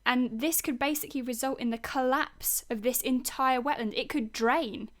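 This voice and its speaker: A woman's voice: high-pitched, normal speed. Earnest woman, podcast co-host. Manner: earnest and engaged, explains with concern. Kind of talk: conversational podcast discussion.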